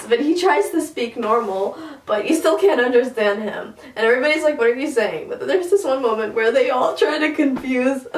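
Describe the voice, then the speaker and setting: A young woman giving a casual, chatty book talk, excitable with quick asides. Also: high-pitched. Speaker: book reviewer. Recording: roomy, from a distance.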